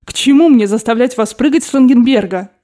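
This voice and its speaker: A woman's voice: a little high, normal speed, mellow, lightly acted. A woman reading the part of a proud, scornful young woman, with a cold and contemptuous delivery.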